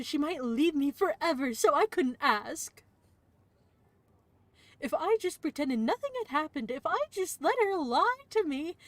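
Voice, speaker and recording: A woman's voice: high voice, no echo. A woman streamer reading visual novel narration aloud, breaking off now and then for playful asides.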